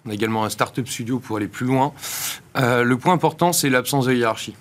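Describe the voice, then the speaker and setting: Man, interview guest, explanatory, measured phrasing with pauses, average pitch. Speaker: institute director and founder, interview guest.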